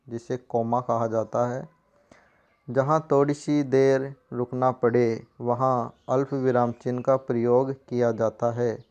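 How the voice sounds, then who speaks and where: A man teaching a grammar lesson, explaining slowly and reading out example sentences. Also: mid-range voice, smooth. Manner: slow, even explaining with spoken examples. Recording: dull lo-fi sound.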